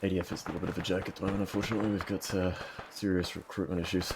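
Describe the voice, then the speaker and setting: A man's voice: sits low, level tone, rapid-fire, vocal fry, background noise. A young man with an Australian accent chatting casually over game comms, laid-back and swearing offhandedly. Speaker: streamer playing a military sim game. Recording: game gunfire behind voice. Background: gunfire and clicks from the game.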